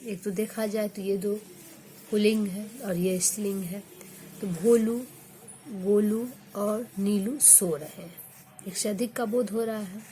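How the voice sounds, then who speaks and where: A woman teaching a grammar lesson, slowly repeating example sentences for her students. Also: medium pitch, steady tone, warm tone, a little hiss or hum.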